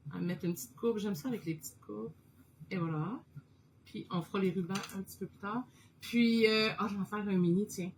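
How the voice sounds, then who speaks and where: A woman with a Québécois French accent chatting excitedly to her live viewers while she sketches and tries out watercolors, laughing often. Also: medium pitch, brisk, a little hiss or hum, low-quality recording. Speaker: host of an art live stream. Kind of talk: casual live-stream chat while painting.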